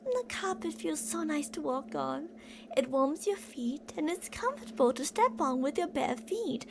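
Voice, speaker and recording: Here a woman voices a possessive older yandere captor for ASMR, her high tone lively and theatrical at a measured pace, with noise in the background. She muses possessively, weaving sugary pet names with threats in a teasing sing-song. The character is obsessive, menacing, and sweet-talking.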